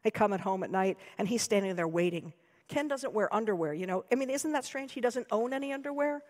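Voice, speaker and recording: A woman's voice: mid-range voice, expressive, fairly quick, a little mellow, lightly acted. An American woman reading aloud gives voice to a sweet, vain, gossipy doll in a sugary, confiding manner. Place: lecture hall. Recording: long hall reverb.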